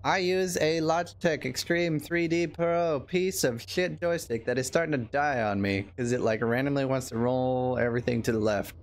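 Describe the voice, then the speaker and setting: A man's voice: mid-range voice, normal speed, hardly any pauses. A man chatting and bantering casually while streaming a game. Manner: joking, bantering. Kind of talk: casual gaming stream chat.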